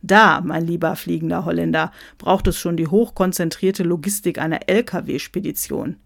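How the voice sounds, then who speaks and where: A woman putting on a gruff, pot-bellied Father Christmas with a bass voice who blusters and mocks the others. He sounds loud and sure of himself. The sound is dry and close. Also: fairly even intonation, normal speed, no room sound. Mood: mocking. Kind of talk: storybook reading with voices.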